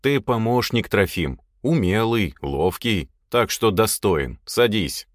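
Man voicing terse male commander, low, stern, dry studio read. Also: animated, takes it slowly, no echo. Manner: firm, curt, commanding.

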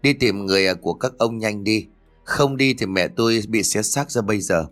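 A man's voice: lowish voice, moderate pace, fairly bright tone, faint music behind, lightly acted. A man voicing a frightened young village man who stammers and pleads in a rush, in an audio horror story. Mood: panicked.

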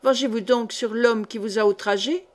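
Female reader voicing a dignified, reproachful noblewoman, higher voice, storybook. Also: fairly even intonation, normal speed, lightly acted. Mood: proud. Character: proud, commanding noble countess. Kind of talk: audiobook character reading.

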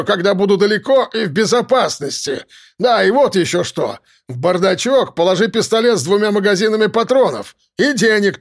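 Male narrator plays a desperate armed criminal; raised, strained, shouted threats, nerves on edge. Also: high-pitched, gravelly, voice pushed up, exaggerated voice.

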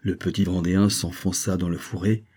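Low, dark-voiced man reading a novel aloud. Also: flat delivery, fairly quick, breathy edge. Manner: reads all characters, raising pitch for their lines. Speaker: audiobook reader. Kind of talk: scripted narration.

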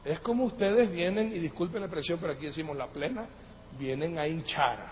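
A male pastor with a Latin American Spanish accent, preaching emphatically, swinging from loud outbursts to quiet asides and calling his listeners brothers. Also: fairly high pitch, fairly quick. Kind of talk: sermon. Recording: echoey hall, dull lo-fi sound, faint noise.

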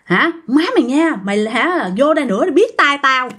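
A woman's voice: high voice, animated, normal speed, fairly bright tone, voice pushed up. A woman voicing a fierce older grandmother who curses coarsely and angrily at a ghost in a spoken story. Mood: furious. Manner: coarse angry cursing.

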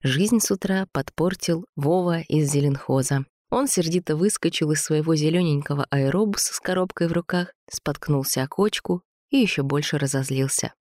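Low-voiced woman narrating a story. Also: moderate pace, few pauses, a little mellow, no room sound, clean studio sound. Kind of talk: audiobook narration.

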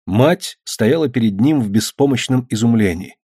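A man narrating a novel in an even, measured storytelling manner. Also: medium pitch, husky, dry recording, clean studio sound. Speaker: audiobook narrator.

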